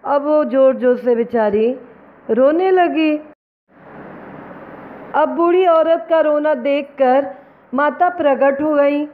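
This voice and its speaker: A woman tells a devotional folk tale in a plain, sympathetic way. Her voice is high and her pace slow. The audio is thin and tinny, like a phone line. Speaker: storyteller.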